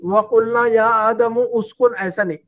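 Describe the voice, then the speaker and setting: A man's voice: very high voice, steady tone, a little slow, fairly bright tone. A man teaching an Arabic class, patiently repeating phrases and quizzing his students. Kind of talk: online class lesson.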